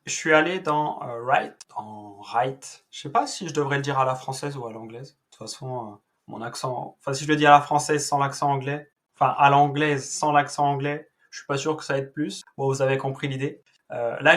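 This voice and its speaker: A man's voice: medium pitch, fairly bright tone. A man hosting a tech video, giving a casual walkthrough with a chatty, hesitant delivery full of fillers and restarts. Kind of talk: casual screen-recorded walkthrough.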